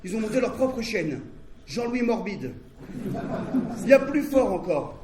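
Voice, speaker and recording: A man's voice: sits high, big pitch swings, unhurried. A man doing a stand-up comedy routine, telling stories built on puns in a conversational way. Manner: wordplay-driven, conversational storytelling. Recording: roomy, distant, noisy stage recording.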